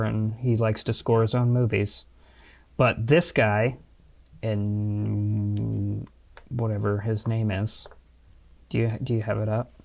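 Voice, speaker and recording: A man co-hosting a podcast, chatting in a relaxed way and sharing trivia. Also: mid-range voice, gravelly. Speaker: podcast co-host. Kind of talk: casual chat.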